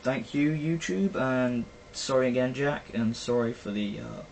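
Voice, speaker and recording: A man's voice: mid-range voice, a little slow, gravelly. A young British man chatting casually and rambling about films, full of fillers. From Britain. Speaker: vlogger. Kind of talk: casual film review chat. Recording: faint background noise, poor-quality recording.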